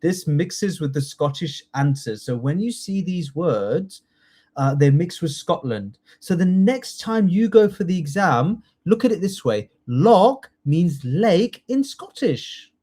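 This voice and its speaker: Lively man coaching a live class. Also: on the high side. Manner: lively, coaxing, repeats words slowly for the class. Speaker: test training tutor. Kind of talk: live online class teaching.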